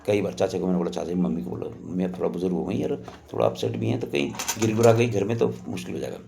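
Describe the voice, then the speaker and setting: A man's voice: sits low, expressive, rapid-fire, creaky, warm tone, slight background noise. An older man casually telling a personal story in a rambling, conversational way, often acting out what others said. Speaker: storyteller recounting a personal memory.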